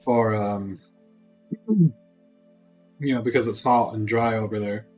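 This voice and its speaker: A man's voice: on the low side, little pitch movement, unhurried, darkish tone, soft background music. A man giving casual gameplay commentary on a livestream, thinking aloud and joking with his chat. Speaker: streamer.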